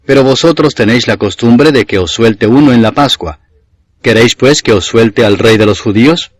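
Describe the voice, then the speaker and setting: A man reading scripture aloud in a measured, solemn way, as a scripted reading. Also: medium pitch, no room sound. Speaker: Bible reader.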